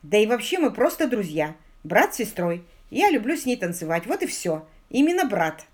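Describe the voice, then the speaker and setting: A woman reading the part of an eager, flustered young man in love, talking fast to explain himself. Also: mid-range voice, big pitch swings, darkish tone. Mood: pleading.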